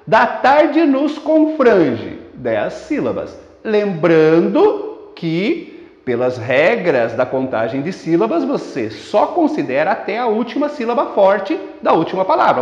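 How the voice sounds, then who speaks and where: A man with a Brazilian Portuguese accent teaching a poetry lesson for exam students, explaining step by step and slowing down to read verses aloud. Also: fairly high pitch. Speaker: literature teacher. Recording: roomy echo, dull lo-fi sound.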